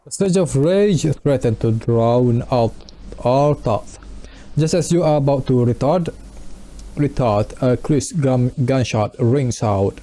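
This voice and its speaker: A man's voice: mid-range voice, takes it slowly, dark tone. A man streaming gameplay, reading the story text aloud with stumbles and casual reactions. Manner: stumbles and repeats words while reading. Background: game music.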